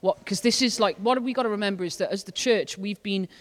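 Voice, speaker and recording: High-pitched male co-host, earnest Bible study chat, reverberant room. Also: brisk. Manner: earnest, reads scripture aloud at length. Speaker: church leader. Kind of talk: casual Bible study discussion.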